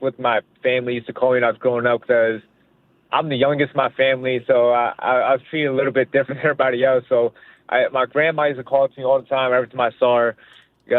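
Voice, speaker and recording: A young Pakistani boxer talks fast over a phone line in a steady, mid-range voice. The narrow, dry recording captures him being interviewed, sounding casual and confident and frequently repeating himself.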